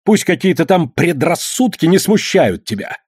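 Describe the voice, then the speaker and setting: A man with a husky voice playing an ironic middle-aged father who is sharp and mocking, then tender, in a read-aloud novel. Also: mid-range voice, animated, moderate pace, no room sound, clean studio sound. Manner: sarcastic, then soft and tender.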